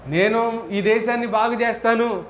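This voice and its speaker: A male preacher delivers a sermon in a high voice, firing question after question and climbing into forceful emphatic peaks. He is recorded in an echoey hall with faint background ambience. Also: steady tone, normal speed, a little hiss or hum. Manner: rhetorical questions, rising to emphatic high bursts.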